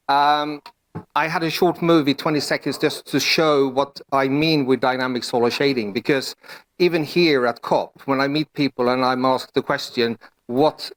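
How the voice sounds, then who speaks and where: Hesitant Swedish man presenting at a panel. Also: mid-range voice. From Sweden. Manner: hesitant, many fillers and restarts. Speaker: panel speaker. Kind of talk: conference presentation.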